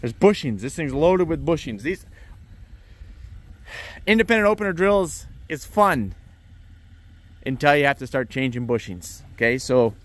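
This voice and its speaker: A man's voice: fairly high pitch, sing-song, a little slow, pauses often. A man vlogging around his farm, chatting casually as he explains his equipment and chores. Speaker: farmer vlogger. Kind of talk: casual walk-through vlog. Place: outdoors on a farm yard beside machinery.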